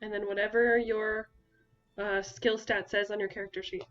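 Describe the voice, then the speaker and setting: A woman running a tabletop role-playing game, narrating scenes and calmly guiding the players through the rules. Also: mid-range voice, normal speed, highs cut off, faint music behind. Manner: calm, guiding, descriptive narration. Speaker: game master.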